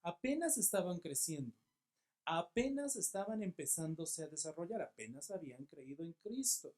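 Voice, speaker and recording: A man with a Mexican accent preaching a sermon as pastor, asking questions and answering them himself, with emphatic repetition that swings between loud and soft. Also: fairly high pitch, sing-song, normal speed. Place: church.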